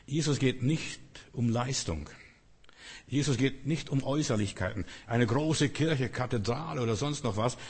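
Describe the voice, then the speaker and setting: A man's voice: mid-range voice, normal speed, gravelly, a little mellow, husky. A man preaching a sermon in an earnest, direct way, asking the listeners rhetorical questions. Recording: long reverb of a large hall.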